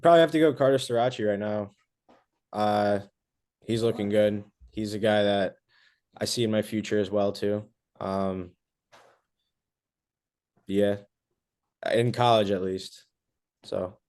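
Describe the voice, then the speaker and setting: A young man, a college wrestler, giving short, relaxed answers with fillers as a guest on a casual podcast. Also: lowish voice, measured pace, long pauses. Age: young adult.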